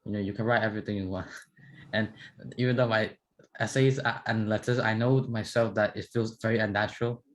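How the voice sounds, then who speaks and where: A man's voice: on the low side, fairly even intonation, fairly quick. A young man from Myanmar with a Burmese accent, chatting informally as a student and repeating words as he goes. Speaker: English student. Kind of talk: casual class discussion.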